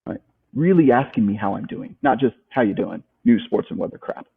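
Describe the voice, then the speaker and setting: An expressive, brisk male voice in the mid range, creaky and husky, comes through a tinny phone-like line. He's being interviewed as a life coach, pushing motivational messages emphatically, restating his points and asking rhetorical questions.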